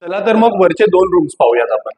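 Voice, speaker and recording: A man's voice: sits high, big pitch swings, fast talker, darkish tone, breathy edge, no echo, poor audio. A man guiding a property walkthrough room by room, as a real estate agent. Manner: guiding, pointing things out room by room.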